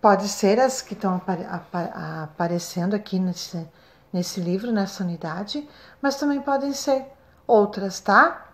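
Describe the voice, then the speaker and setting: A woman with a Brazilian Portuguese accent, a first-grade teacher recording a remote lesson, speaking slowly and stretching out syllables for young children. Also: medium pitch. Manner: slow, sing-song, stretches syllables for children.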